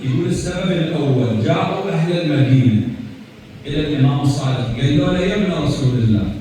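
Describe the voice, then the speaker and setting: A man with an Iraqi accent preaches a mourning sermon, putting questions to his listeners and answering them himself. His voice sits high, and it is picked up from a distance. A long echo fills the large hall behind him. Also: lively intonation, fast, mellow, a little hiss or hum. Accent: Iraqi Arabic. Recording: echoey hall, distant mic.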